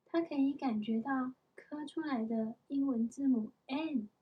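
A mother reading a storybook aloud to her young child at home, in a gentle, patient manner. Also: high voice, a little slow, breathy edge, lo-fi sound.

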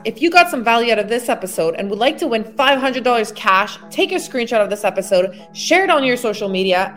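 A woman with a high voice gives a solo motivational podcast talk. She coaches in an upbeat, encouraging tone and addresses the listener directly. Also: fairly bright tone. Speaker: weight loss coach and podcast host.

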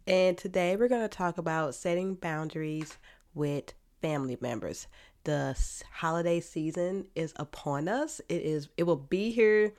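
A woman's voice: on the low side, unhurried, darkish tone. An American woman with a slightly nasal, stuffed-up sinus voice, giving casual, direct advice as a podcast host and therapist. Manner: informal, direct, folksy turns of phrase.

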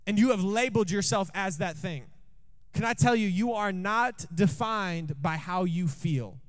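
A man with a rather high voice preaches in a church, telling a personal story. His delivery is jokey and conversational, and he keeps throwing questions out to the congregation. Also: unhurried. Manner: jokey, asks the room questions often.

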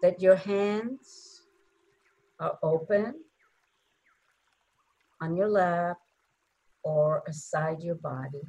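Gently and soothingly, a woman guides a meditation, speaking short phrases with long pauses between them. Her voice is on the low side.

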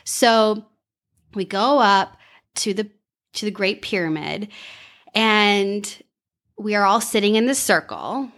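A woman's voice: medium pitch, fairly bright tone. A woman hosting a casual podcast, telling a story animatedly, laughing and acting out her own thoughts. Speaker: podcast host.

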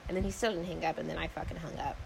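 A woman's voice: low voice, fairly even intonation, very fast, vocal fry, background noise. A young adult woman casually retelling a story, candid and profane, acting out both sides of phone calls in slangy, exasperated talk.

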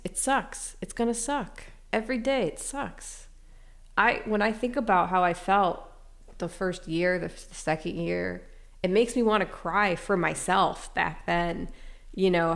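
A woman with a low, gravelly voice talks as an interview guest, candid and reflective. She laughs easily between thoughts and speaks plainly about hard times. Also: moderate pace. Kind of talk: casual emotional interview.

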